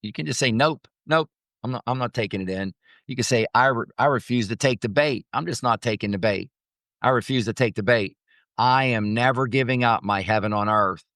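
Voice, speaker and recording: A motivational coach and host teaches off the cuff, repeating phrases for emphasis in a spontaneous, emphatic talk. His mid-range voice is brisk and a bit bright, captured in a dry, clean studio recording.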